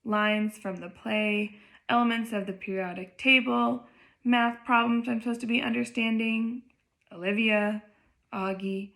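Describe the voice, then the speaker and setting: A woman's voice: on the high side, steady tone, measured pace, gravelly, fairly bright tone. A woman reading a novel aloud to listeners, with chatty, conversational asides between chapters.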